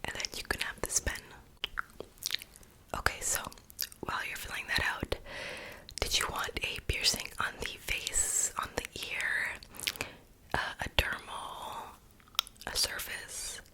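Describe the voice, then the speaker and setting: A woman performs a whispered role-play for ASMR, playing a piercer with a client. Her voice is a breathy, fully unvoiced whisper. She chats softly and casually, in a reassuring way. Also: slow pace, long pauses, low-quality recording. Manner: soft, casual, chatty, reassuring.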